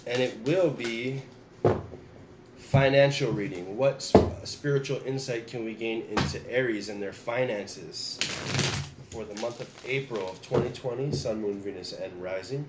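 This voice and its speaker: Still getting over the flu, a man gives a casual tarot reading and speaks directly to his viewers, relaxed and prone to repeating and restarting. His medium-pitched voice is a little slow. The recording is reverberant and very noisy.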